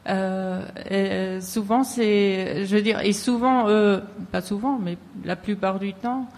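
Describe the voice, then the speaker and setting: A woman speaking off the cuff at a public discussion, very haltingly, with long hesitations and broken phrases. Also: mid-range voice, fairly even intonation, darkish tone. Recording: echoey hall with long reverb.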